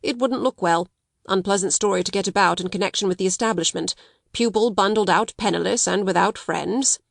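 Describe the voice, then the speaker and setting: A woman's voice: mid-range voice, brisk, no room sound. Woman playing a cool, sly businessman, dry sound. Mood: coolly warning. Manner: detached, smooth-talking, uninterested. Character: cool, shrewd businessman, unruffled, slyly sinister.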